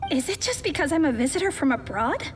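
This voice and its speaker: A composed young mage from a video game, with a high, clear voice. She speaks formally and courteously, with faint game music behind her. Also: sing-song, fast talker.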